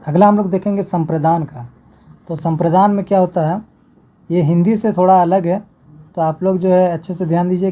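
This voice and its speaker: A woman teaches an exam-prep grammar class. Her voice is very dark and mellow and sits a little low. She goes through the material step by step and repeats every example before moving on. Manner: explains step by step, repeats each example and checks with "ठीक है".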